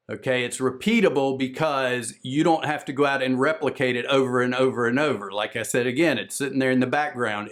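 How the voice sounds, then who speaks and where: A man with a Southern American accent gives a conference presentation on podcast business. He talks fast and with a lot of energy, pushing his points like a salesman. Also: mid-range voice. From Southern United States.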